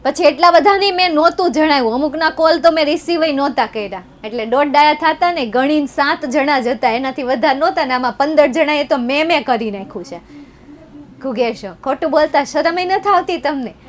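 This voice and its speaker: Young Gujarati woman tutor, high-pitched, playful and teasing on a live class. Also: fairly quick. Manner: playful, teasing, chatty with students. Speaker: online tutor. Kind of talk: chatty live exam revision lesson.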